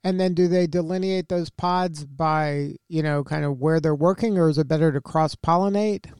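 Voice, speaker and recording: A curious male interviewer with a somewhat high voice that carries a gravelly fry yet stays smooth and resonant. The sound is dry and close, with no room around it. He strings out long questions with hedging fillers. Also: moderate pace, darkish tone, dry recording. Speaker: interviewer, host.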